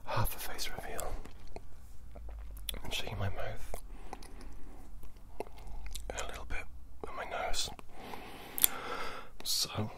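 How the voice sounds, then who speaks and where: A man with a British accent gives an intentional ASMR whisper. His voice is breathy and almost entirely unvoiced, moving ear to ear on a close microphone. He speaks softly and without hurry, with an apologetic manner. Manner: soft, apologetic, unhurried. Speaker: ASMR content creator. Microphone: close stereo microphone, ear to ear.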